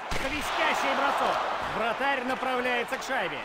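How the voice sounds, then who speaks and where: A man giving excited hockey play-by-play and goal calls in short, urgent phrases for a video game. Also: extremely high pitch, normal speed. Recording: loud arena crowd and rink noise. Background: roaring crowd, puck and board thuds.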